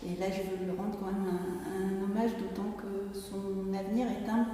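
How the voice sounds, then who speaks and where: A middle-aged woman gives an informal research presentation. Her voice is soft-edged and mellow, picked up from a distance in a very reverberant church with faint noise. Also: medium pitch, level tone, normal speed. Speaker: acoustics researcher, speaker. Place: inside a church.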